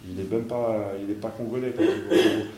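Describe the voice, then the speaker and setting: A man's voice: lowish voice, steady tone, brisk, dark tone, echoey room, a little hiss or hum. A man, a parish priest, giving an informal talk to an audience, conversational and emphatic, full of fillers and restarts.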